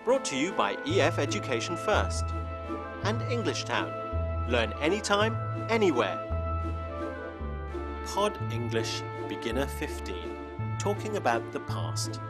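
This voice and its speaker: A man hosting an English lesson in clear, teacherly scripted narration, slowing down for examples. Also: fairly high pitch, sing-song, loud music behind the voice. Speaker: lesson host.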